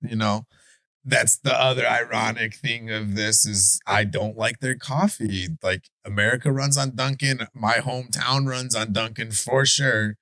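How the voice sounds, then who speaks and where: A man with a Chicago accent co-hosting a podcast in casual debate chat, animated and profane, stumbling and restarting his sentences. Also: medium pitch, a little slow, dry recording. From Chicago area. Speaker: podcast co-host.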